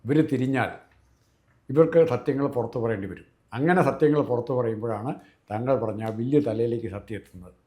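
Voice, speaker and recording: A man, a political commentator talking fast and emphatically, piling up examples. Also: mid-range voice, warm tone. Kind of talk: political discussion.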